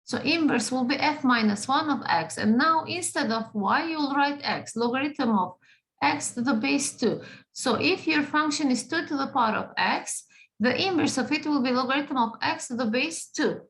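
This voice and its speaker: A woman's voice: high voice, normal speed, a bit bright, rough recording. A woman teaching a math class, patient, often checking in with the students. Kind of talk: classroom lesson.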